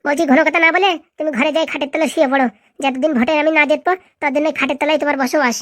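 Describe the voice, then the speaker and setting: A woman's voice: high voice, steady tone, racing, fairly bright tone, dry recording, studio quality. A woman voicing a bossy, scheming village wife in a cartoon comedy, who gives commands in rustic speech.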